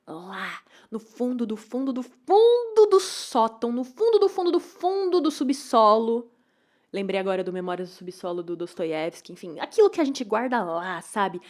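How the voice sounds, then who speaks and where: A woman's voice: medium pitch, a little mellow. A woman with a Brazilian Portuguese accent hosting a podcast, talking through her own week in a candid, confessional monologue. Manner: candid and confessional, with restarts and trailing asides. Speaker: podcast host. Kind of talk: personal reflective monologue.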